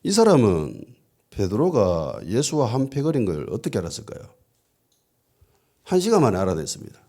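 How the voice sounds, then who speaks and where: A man's voice: mid-range voice, wildly swooping pitch, normal speed, mellow. A man with a Gyeongsang accent preaching a sermon, telling the story with quoted voices and frequent affirming asides. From Gyeongsang region, South Korea. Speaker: pastor. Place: church.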